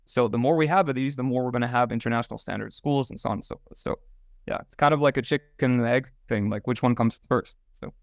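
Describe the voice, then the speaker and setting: A man on a webinar panel talks fast in a blunt, casual way. His pitch is middling and the sound is dry and close. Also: vocal fry, dry recording. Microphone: video call.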